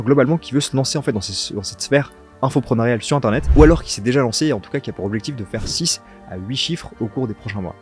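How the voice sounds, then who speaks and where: Man, copywriter, casual tutorial, slangy and direct, very rapid delivery, middle pitch. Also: darkish tone. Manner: informal, slangy, talks directly to the viewer. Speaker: copywriter teaching ad scripting.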